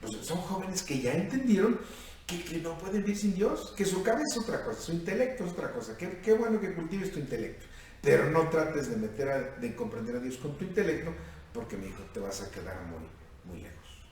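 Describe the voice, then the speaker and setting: A Mexican priest in his fifties, with a Mexican accent, preaches at a youth retreat, quizzing his audience and calling them "mijo." His voice sits on the high side, very animated, slightly fast and a bit mellow. The recording comes from far off in an echoey room with faint noise.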